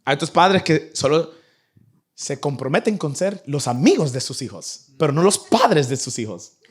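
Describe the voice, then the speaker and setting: A young man preaching a sermon to his church, animated and acting out the people in his stories. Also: on the high side, moderate pace, husky. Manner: animated, acts out nagging parents in a raised voice. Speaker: pastor. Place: church in Vancouver.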